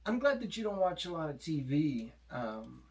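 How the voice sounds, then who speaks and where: A man hosting a casual chat, tossing in dry, deadpan joking asides. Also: fairly high pitch, normal speed. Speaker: comedian host.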